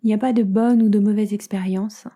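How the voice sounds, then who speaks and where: In a mid-range voice, a woman leads a yoga nidra relaxation session as the teacher. Her delivery is soothing and calm, with lots of pauses and soft phrases that trail off breathily.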